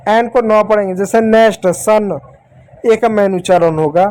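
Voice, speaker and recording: A man's voice: high-pitched, darkish tone, rough recording. A man teaching English letter sounds to children in Hindi, patient and repetitive, stopping often to check understanding. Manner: slow, patient, repeats example words and checks with "ठीक". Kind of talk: Hindi phonics lesson for children.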